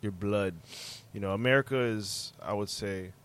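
A man's voice: fairly low pitch, moderate pace, fairly bright tone, clear, resonant tone. A man raised in Haiti, hosting a podcast in a casual, searching way, full of "you know" and "you see what I'm saying". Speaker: podcast host.

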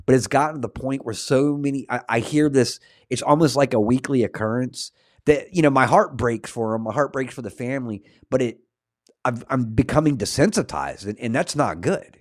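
A man's voice: mid-range voice, normal speed, no echo, clean studio sound. A man in his forties hosting a podcast, talking casually in a rambling way and often saying "man". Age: 40s. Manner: rambling, peppers talk with "man". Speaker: podcast host. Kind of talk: casual conversation.

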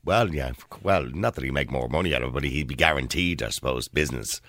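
A man's voice: extremely low pitch, fast, fairly bright tone. A man with an Irish accent hosting a radio phone-in debate, challenging the caller and cutting in. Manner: challenging, interrupts.

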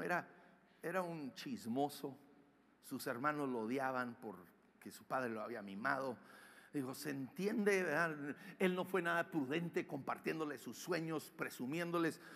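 A man preaching a sermon, acting out scenes with shouts and sound effects. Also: on the high side, lively intonation, normal speed. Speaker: pastor.

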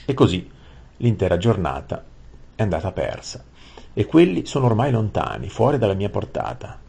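A man voicing a hot-tempered young prince who shouts and rants. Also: fairly low pitch, very animated, moderate pace, gravelly, slightly rough, heavily acted. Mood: furious. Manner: shouting, ranting.

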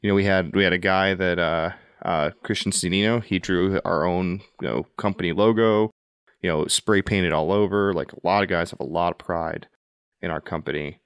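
A man's voice: sits low, steady tone, moderate pace, a bit bright, clean tone, no room sound, studio quality. A man hosting a podcast, talking earnestly and reflectively about his army service in a casual interview. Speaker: podcast host, Army veteran.

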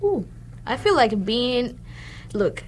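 A woman's voice: on the high side, big pitch swings, takes it slowly, a little hiss or hum. Upbeat young woman from Honduras. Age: young adult. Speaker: interview guest, business student. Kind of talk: casual interview chat.

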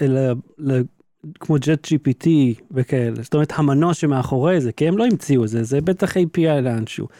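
A man's voice: medium pitch, warm tone, dry recording. A man in casual chat, probing and pressing with questions. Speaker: podcast co-host.

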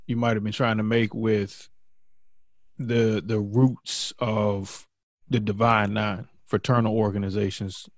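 A man's voice: lowish voice, little pitch movement, takes it slowly, no room sound. A male co-host asking probing follow-up questions in a podcast interview.

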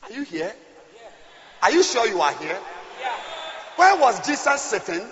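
A man with a West African accent preaching a fiery, animated sermon, emphatic and repetitive, swinging from shouts to hushed asides. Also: high voice, a little slow. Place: large indoor church hall. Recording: echoey hall, slightly dull sound.

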